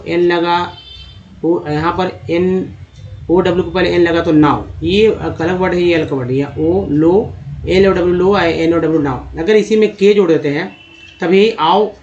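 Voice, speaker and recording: A man teaching English reading, spelling out letters and sounding out word parts patiently. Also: on the high side. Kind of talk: slide-based reading lesson. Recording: dull lo-fi recording.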